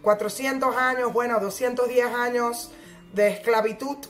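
Una mujer que da una clase religiosa semanal para mujeres, con tono serio y explicativo, y que enfatiza las citas que relata. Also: female voice, a little high, fairly even intonation, normal speed, soft background music. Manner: earnest, explanatory, leans into quoted lines. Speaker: Torah teacher for women. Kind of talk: weekly religious lesson.

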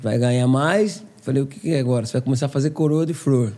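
A man's voice: medium pitch, very fast. A man, a podcast guest telling stories casually and acting out the dialogue. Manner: animated, acts out quoted dialogue. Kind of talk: casual storytelling.

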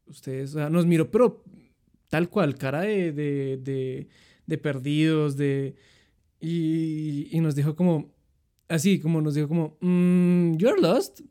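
A man's voice: on the high side, unhurried. A young man with a Colombian accent telling travel stories in a chatty, rambling way. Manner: chatty, rambling, animated retelling. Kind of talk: casual storytelling.

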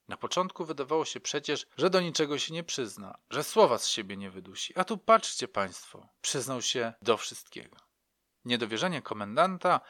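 A man's voice: medium pitch, pushed and bright, no room sound, studio quality. A man narrating a true crime story in a dramatic manner, addressing listeners directly.

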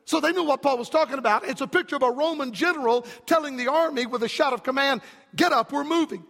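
A man preaching a fiery revival sermon in an emphatic, rhythmic cadence that climbs to shouts. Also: extremely high pitch, quick pace, gravelly, in a large hall.

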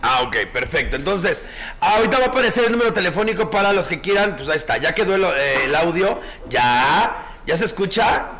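A man's voice: sits high, expressive, a little fast, fairly bright tone. A man hosting a live call-in show as a drag performer, campy, affectionate and swearing freely.

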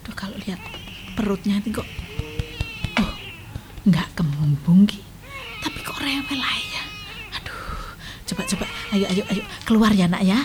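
A woman's voice: medium pitch, measured pace, long pauses. An actress playing an older Javanese grandmother who frets and coaxes a crying grandchild in a family drama. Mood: fretful coaxing. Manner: fretful, coaxing, chatty. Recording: steady background noise.

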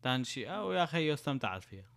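A man's voice: mid-range voice, very animated, rapid-fire, vocal fry, fairly bright tone. A young man with a Syrian Arabic accent chatting casually, explaining his points through everyday examples and rhetorical questions. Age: young adult. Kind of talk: casual chat.

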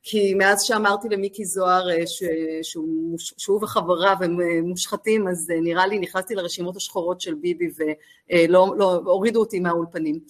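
A woman's voice: on the low side, fairly even intonation. A woman journalist taking part in a panel discussion. She speaks firmly and decisively, with a few hesitations along the way.

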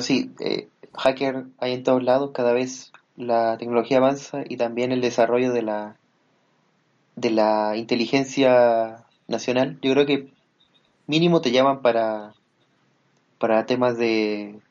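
A man's voice: medium pitch, steady tone, measured pace, pauses often, a little mellow, lo-fi sound. A man in a casual chat, talking hesitantly with many fillers as he explains things.

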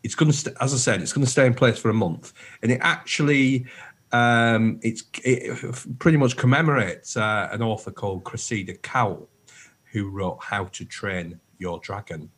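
A man's voice: on the low side, moderate pace, a bit bright. A man co-hosting a radio show, chatting casually and enthusiastically. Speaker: radio co-host.

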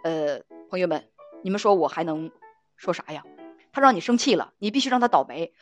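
A woman's voice: on the low side, expressive, brisk. A woman hosting a relationship advice show, telling a listener's story with scorn and indignation and laughing along the way. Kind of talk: storytelling commentary. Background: faint music.

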